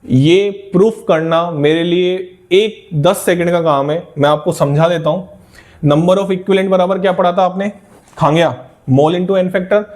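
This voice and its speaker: Male chemistry teacher, slightly raised pitch, coaxing lecture delivery. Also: measured pace, a little mellow. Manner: coaxing, asks and answers his own questions. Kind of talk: classroom lecture.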